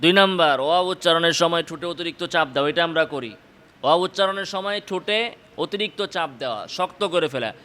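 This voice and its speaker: A man with a Bangladeshi Bengali accent teaching Quran pronunciation, explaining in quick bursts and then chanting the example words slowly and drawn out. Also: a little high, sharp tone, a little hiss or hum.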